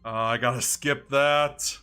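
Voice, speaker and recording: A man's voice: mid-range voice, fairly even intonation, unhurried, pushed and bright, faint music behind. A man casually commentating on a game livestream, thinking aloud and muttering to himself in short phrases. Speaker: game streamer.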